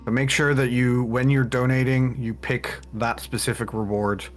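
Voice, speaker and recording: Relaxed male co-streamer, mid pitch, dry jokes, faint music behind. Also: normal speed. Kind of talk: casual stream chat and charity reward read-out.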